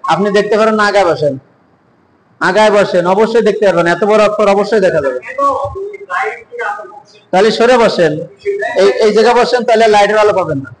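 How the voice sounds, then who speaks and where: A man teaching Quran reading to a class, asking questions and drilling sounds slowly for the students to repeat. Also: sits high, in a large hall, crowd noise, low-quality recording. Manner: asks the class questions and answers them.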